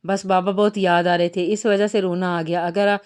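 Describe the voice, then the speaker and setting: A woman's voice: fairly low pitch, flat delivery, moderate pace, clear, resonant tone, close to an everyday voice. A woman reading the part of a shy, sulky young woman about to be married. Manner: soft, shy.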